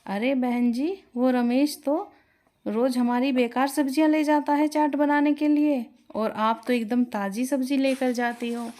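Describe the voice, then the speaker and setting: A woman voicing a chatty male vegetable seller in a storybook tale, with a loud, high voice. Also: steady tone, measured pace. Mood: gossipy. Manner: loud, gossipy.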